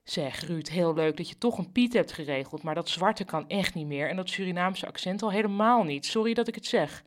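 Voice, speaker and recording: A woman's voice: lowish voice, expressive, a little fast, lightly acted. A woman voicing a frank male office colleague in a storybook reading. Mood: reproachful.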